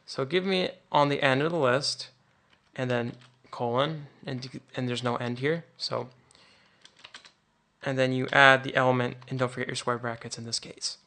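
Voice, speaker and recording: Gravelly, bright-voiced man teaching code. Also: mid-range voice, steady tone, normal speed. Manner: informal, thinks aloud with frequent restarts. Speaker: programming instructor. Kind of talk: screen-recorded coding tutorial.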